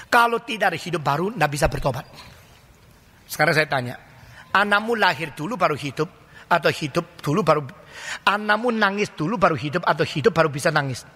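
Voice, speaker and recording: An older male pastor with an Indonesian accent preaches in a large church hall. His high, bright voice rings out with a long reverb behind it. He keeps firing rhetorical questions at the congregation and slips into mock dialogues. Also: animated, brisk, husky. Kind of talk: sermon.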